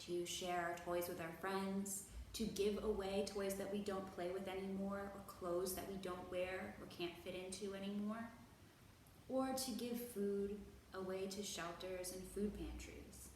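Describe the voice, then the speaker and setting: Speaking at a medium pitch with a darkish tone, a woman hosts storytime for children at a library, teaching in an upbeat, encouraging way. She slows down and exaggerates key words, recorded on a distant mic in a very reverberant room with faint noise.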